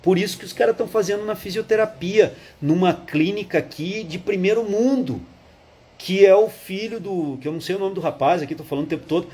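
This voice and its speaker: A man teaches a live fitness course. His voice is husky and sits a little high for a man. He talks casually, using slang and rhetorical check-ins with his audience. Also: a little fast, dark tone. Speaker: physical education instructor. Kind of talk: live online course lecture.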